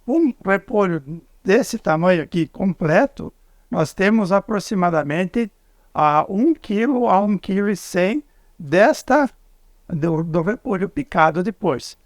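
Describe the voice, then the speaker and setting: Higher-voiced southern Brazilian cook. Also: male voice, expressive, no room sound, studio quality. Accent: southern Brazilian Portuguese. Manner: explains step by step, halting restarts. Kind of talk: cooking demonstration.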